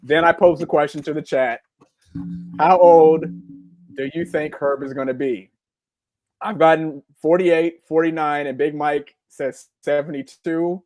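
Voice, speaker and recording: A man's voice: on the high side, a little slow, dry recording. Chatty Southern man in his forties. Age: 40s. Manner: relaxed, rambling, chatty with filler ums. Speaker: podcast co-host. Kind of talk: casual live-stream chat.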